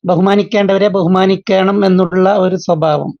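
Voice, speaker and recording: A student with a Malayali accent speaking on a video call, halting and searching for words. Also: mid-range voice, fairly even intonation, no room sound. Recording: dull, dry video-call audio.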